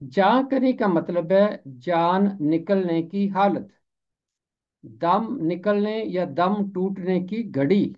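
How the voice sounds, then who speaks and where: In this lesson on word pronunciation, a high-voiced, animated man explains terms and their meanings, deliberately repeating each one slowly so it comes through clearly. The audio has its highs cut off.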